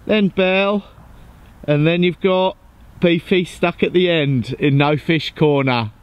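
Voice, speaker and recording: A man's voice: fairly high pitch, slow pace, clean tone. A man in his forties, chatting cheerfully in a casual outdoor vlog at a lakeside fishery, recorded on a handheld camera. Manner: chatty, upbeat, teasing. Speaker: vlogger and angler.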